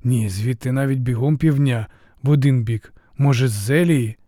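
A man's voice: medium pitch, normal speed, warm tone, no echo, studio quality, close to an everyday voice. A man doing an uneasy Trojan guard officer. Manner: uneasy, hesitant questioning. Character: anxious bewildered male Trojan guard officer.

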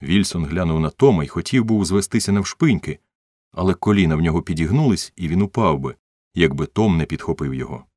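A man narrating a novel as an audiobook reader, in an expressive storytelling manner. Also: sits low, quick pace, no room sound, studio quality.

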